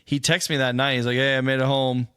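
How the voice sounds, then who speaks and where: A man guesting on a casual podcast with a smooth, resonant voice. He speaks in a plain, easygoing way and keeps his replies short. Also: medium pitch, level tone, quick pace, sharp tone, no echo, clean studio sound. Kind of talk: casual chat.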